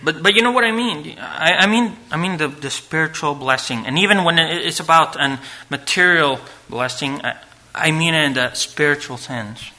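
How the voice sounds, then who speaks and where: A man preaching a sermon to a congregation at a pulpit microphone, earnest, reading scripture aloud and swinging between loud emphasis and hushed asides. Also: a little high, normal speed, hardly any pauses.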